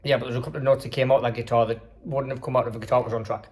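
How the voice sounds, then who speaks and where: A man's voice: medium pitch, flat delivery, racing, a little mellow. A man chatting casually to camera in a travel vlog, rambling with lots of fillers. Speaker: vlogger. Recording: faint background noise.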